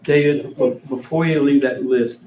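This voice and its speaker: A man's voice: mid-range voice, fairly even intonation, normal speed, darkish tone, a little hiss or hum. A man in a training session politely interrupting the instructor to praise a list and ask for help later. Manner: polite, appreciative. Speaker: training participant. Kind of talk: classroom comment. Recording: echoey room, dull lo-fi sound.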